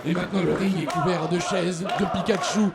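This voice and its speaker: A man's voice: sits high, fairly even intonation, a little fast, gravelly. A man commentating live on wrestling in a theatrical, mock-pompous, sardonic manner. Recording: loud music and crowd behind. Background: loud music and crowd noise.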